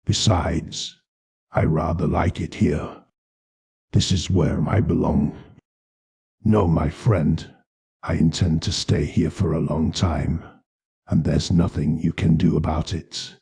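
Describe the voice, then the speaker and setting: A man's voice: very deep voice, fairly even intonation, slow pace, vocal fry, pauses often, mellow, breathy edge, full character voice. A man voicing a mocking, menacing male killer staying at a hotel, with a sneering, taunting delivery. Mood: threatening.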